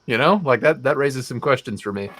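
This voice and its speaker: A man's voice: medium pitch, animated, brisk, a bit bright. A man hosting a live stream, talking in a wry, profane, think-aloud way. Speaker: stream host. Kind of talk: casual chat.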